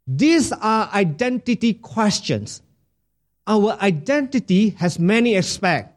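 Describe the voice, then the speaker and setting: Male pastor preaching, kinda high voice, unhurried, keeps asking the church questions. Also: big pitch swings. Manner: deliberate preaching with rhetorical questions to the congregation. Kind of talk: sermon.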